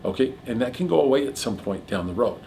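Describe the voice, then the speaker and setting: A middle-aged man rattles through loan numbers at a rapid clip, joking as he goes. His voice sits at an ordinary pitch. A faint hum of room sound runs underneath. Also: lively intonation, creaky, mellow. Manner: rapid, jokey, piles on figures. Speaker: mortgage broker host. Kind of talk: casual explanatory chat.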